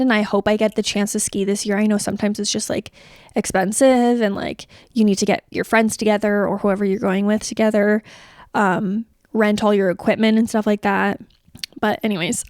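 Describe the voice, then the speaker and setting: A woman's voice: mid-range voice, fairly even intonation, a little fast, dry recording, studio quality. A young woman hosting a podcast, talking in a chatty, rambling way full of "like" fillers. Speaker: podcast host. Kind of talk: casual chat.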